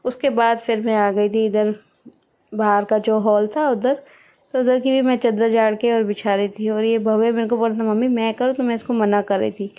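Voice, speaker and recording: A woman's voice: fairly high pitch, flat delivery, normal speed, dull audio. A woman, chatting casually through her home routine and explaining each step. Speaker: vlogger. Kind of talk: casual home vlog narration.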